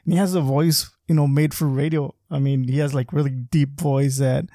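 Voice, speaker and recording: A man hosting a podcast, interviewing a guest in a friendly, halting way with many repeated words. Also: medium pitch, steady tone, dark tone, dry recording. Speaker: podcast host. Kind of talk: casual interview chat.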